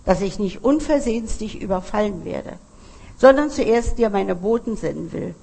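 A woman's voice: mid-range voice, animated, normal speed, vocal fry, mellow, husky. A woman voicing Death, a stern small dwarf, in a fairy tale she reads in a sermon. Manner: stern, commanding.

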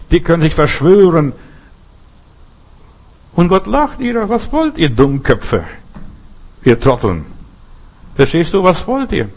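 A man's voice: a little high, darkish tone, low-quality recording. An older man preaching a sermon, who speaks straight to the listener and drives his points home through emphatic repetition. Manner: addresses listener directly with repeated "weißt du".

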